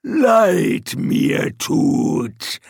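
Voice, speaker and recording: Man doing big dim troll recruit, slow grumbling delivery, voice raised above his own. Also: wildly swooping pitch, vocal fry, slightly rough, no room sound, clean studio sound, heavily acted. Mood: rumbling. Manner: slow rumbling grumble, scrambled word order. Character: huge slow-witted male troll recruit.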